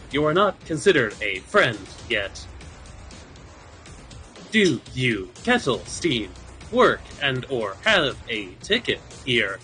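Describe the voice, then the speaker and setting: A man putting on a robot voice for a formal, measured construct character in a tabletop game. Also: medium pitch, sharp tone, full character voice. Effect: robot voice put on by mouth, no filter.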